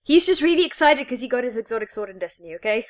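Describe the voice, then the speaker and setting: Over the noise of a loud crowd, a woman with a highish, expressive voice talks rapid-fire. As a podcast co-host, she rambles giggly and enthusiastic through casual geek chat.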